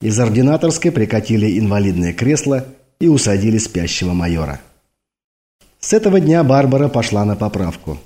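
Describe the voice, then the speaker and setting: A man's voice: on the low side, very animated, a little fast, dark tone. A man reading a novel aloud as an audiobook, narrating in an ironic tone. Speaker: audiobook reader. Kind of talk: scripted narration.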